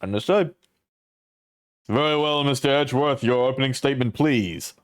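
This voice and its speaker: A man voicing an old male judge who speaks slowly and deliberately in a game script reading. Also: medium pitch, smooth, close to an everyday voice. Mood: measured. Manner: slow and measured.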